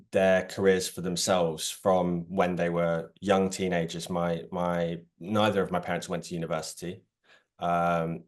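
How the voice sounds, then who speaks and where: Deep-voiced man reflecting. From United Kingdom. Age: 30s. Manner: reflective and thoughtful, laughing at times. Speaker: podcast guest, recovery coach. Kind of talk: personal storytelling in an interview.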